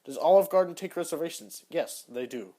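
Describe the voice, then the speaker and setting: A young man hosting a casual solo podcast, answering search-engine questions in an offhand, rambling way that often trails off quietly. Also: a little high, a little fast. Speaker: podcast host.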